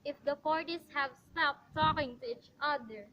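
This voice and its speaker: A woman's voice: sits high, moderate pace, sharp tone, rough recording. A woman in an amateur radio play, playing a polite telephone operator with a formal, unruffled official manner.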